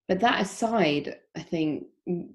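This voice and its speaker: A woman with a low, soft voice guides an online yoga session. She speaks gently and without hurry, pausing often with soft ums as she explains. Her voice comes through a video call. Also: expressive. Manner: gentle, unhurried, with frequent soft pauses and ums. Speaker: yoga teacher. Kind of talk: guided meditation instruction.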